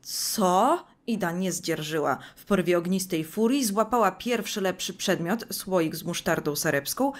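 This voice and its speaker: A woman's voice: fairly low pitch, moderate pace, hardly any pauses. A woman narrating a scripted video essay, reading book passages aloud with dry, sarcastic commentary.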